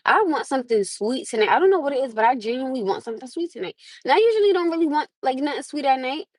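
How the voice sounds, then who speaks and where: This livestream host is an American woman speaking rapid-fire in a high, expressive voice, casually chatting with viewers from her parked car on a phone camera. She laughs a lot and calls them "my love." The audio has no room sound.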